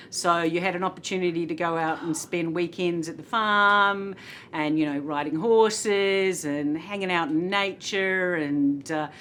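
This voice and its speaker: A middle-aged woman with a New Zealand accent talks casually as a hotel executive guest in an interview. Her voice sits a little low, and she laughs often, scattering uhs between her thoughts. A faint rumble runs underneath. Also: a bit bright. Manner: chatty, laughs often, many filler uhs.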